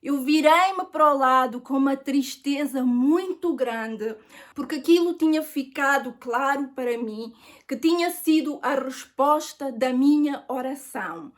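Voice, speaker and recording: Middle-aged Portuguese woman, high voice, earnest faith testimony to camera. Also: a little slow. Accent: European Portuguese. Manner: earnest, storytelling, addresses viewers as friends. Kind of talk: personal testimony.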